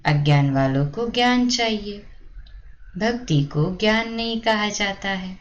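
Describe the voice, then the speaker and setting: A woman giving a slow, measured reading of a spiritual discourse in a steady reciting tone. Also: medium pitch, lo-fi sound. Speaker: spiritual reader.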